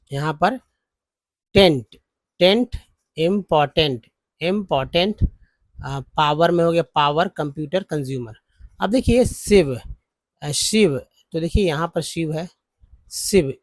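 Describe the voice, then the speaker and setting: A man teaching English spelling and pronunciation from slides, repeating syllables slowly and calling viewers friends. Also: fairly high pitch, darkish tone, no echo. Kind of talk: slide-based phonics lesson.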